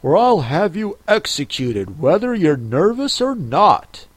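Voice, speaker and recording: A bossy, impatient king, barking orders in a raised, forceful voice, as a man puts him on. He is pompous and sharp, swinging from loud demands to drawn-out pronouncements. Dry, close reading. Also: high-pitched, very animated, no room sound, pitched above the performer's own voice, exaggerated voice. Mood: imperious. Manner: sharp, commanding.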